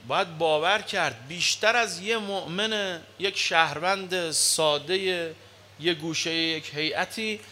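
A man preaching a sermon in an animated way, dropping to low murmurs and rising to loud exclamations.

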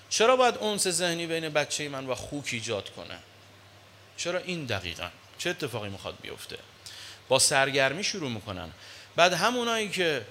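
A man preaching a sermon in an animated way, dropping to low murmurs and rising to loud exclamations. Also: a little hiss or hum.

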